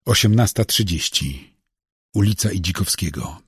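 Male audiobook narrator, low husky voice, lively pitch, measured storytelling, close dry mic. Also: dry recording. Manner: measured storytelling, voicing every character. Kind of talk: scripted narration.

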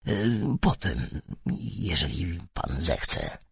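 A man voicing an eager, deferential young stable groom who talks in a hurried way. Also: deep voice, very animated, creaky, husky, no room sound, clean studio sound, heavily acted.

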